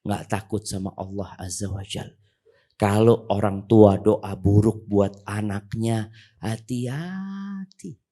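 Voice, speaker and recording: Man preaching, middle-aged, lively, chatty with listeners, sings out arabic verses. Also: lowish voice, takes it slowly. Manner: animated, questions the audience, recites Arabic verses. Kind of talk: lively Islamic lecture.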